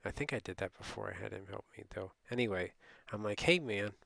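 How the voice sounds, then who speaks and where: A man's voice: on the low side, steady tone, quick pace, gravelly, no echo. A middle-aged man telling a rambling, casual late-night story as a streamer, often laughing and quoting people.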